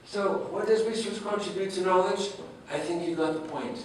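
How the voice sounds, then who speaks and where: A man's voice: high-pitched, fairly even intonation, normal speed, slight background noise. A man whose first language is French gives a humorous academic lecture and keeps asking his audience rhetorical questions. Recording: echoey hall, distant mic, faint ambience.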